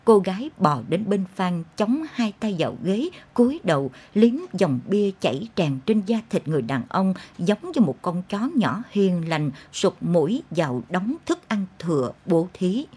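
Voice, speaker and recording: A woman narrating a dark literary story in an intense, expressive way. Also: fairly low pitch, measured pace, hardly any pauses, husky. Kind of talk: dramatic audiobook narration.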